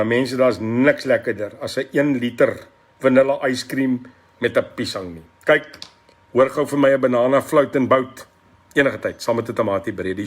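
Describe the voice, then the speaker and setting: An older man with a South African accent gives a blunt, combative, emphatic live video address as a political leader, switching between two languages. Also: medium pitch. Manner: switches between Afrikaans and English.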